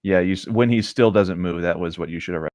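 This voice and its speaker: This man's voice sits low and moves at a quick clip, slightly mellow, with no room sound. He co-hosts a fan fiction reading show, narrating stories and commenting on them in a casual, amused, playful way.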